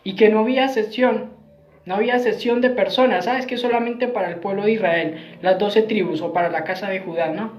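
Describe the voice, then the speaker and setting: Speaking a little fast in a high-pitched voice, a man teaches earnestly from the Bible, repeating himself and often closing lines with tag questions. He's a Messianic preacher, captured on a roomy, dull, lo-fi recording.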